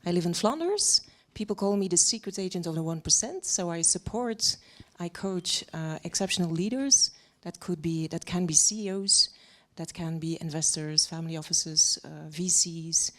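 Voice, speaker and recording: A woman's voice: fairly low pitch, moderate pace, fairly bright tone. A woman introducing herself as a coach on a conference panel, earnest and passionate. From Belgium. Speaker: executive coach.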